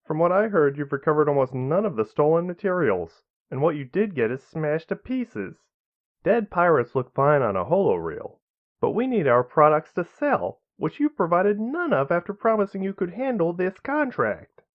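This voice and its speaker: A man's voice: fairly high pitch, big pitch swings, moderate pace, voice pushed up. A smug male company representative talks down to everyone in a raised, lilting voice, as a man puts him on in an audiobook. The recording sounds dull and lo-fi. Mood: condescending. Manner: cool, condescending, clipped. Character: condescending male corporate representative.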